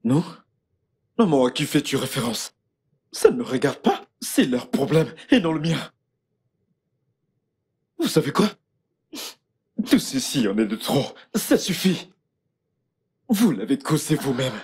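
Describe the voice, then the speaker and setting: A man's voice: medium pitch, very animated, measured pace, pauses often, a little mellow, slightly rough, full character voice. A man voicing an exasperated young husband in a French film dub. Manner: exasperated, then broken and pleading. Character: fed-up young husband, later grieving. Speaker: son, husband.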